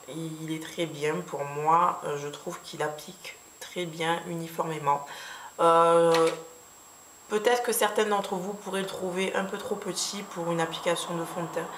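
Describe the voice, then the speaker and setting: A woman with a fairly low voice explains her makeup brushes one by one, pausing often with little fillers. She sounds recorded in a roomy, echoing space, with a faint hiss underneath. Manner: hesitant, many fillers, unhurried explaining. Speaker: beauty vlogger. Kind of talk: casual product review. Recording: echoey room with faint background hiss.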